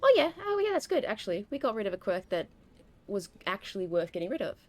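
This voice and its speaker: A woman's voice: mid-range voice, big pitch swings, fast. A young woman streaming a game, rambling and chatting casually as she plays, often breaking off mid-sentence. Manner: rambling, self-interrupting, chatty. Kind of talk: casual gameplay commentary.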